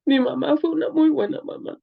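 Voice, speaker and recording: A woman's voice: high voice, steady tone, brisk, vocal fry, narrow, tinny audio. A woman with a Mexican accent, an interview guest giving an earnest, emotional personal testimony. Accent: Mexican Spanish. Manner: earnest, tearful at times, many fillers.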